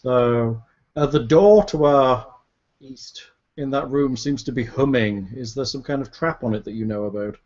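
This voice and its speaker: A man's voice: medium pitch, normal speed, darkish tone. A man talking casually in character as a player in a tabletop role-playing game. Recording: dull lo-fi audio.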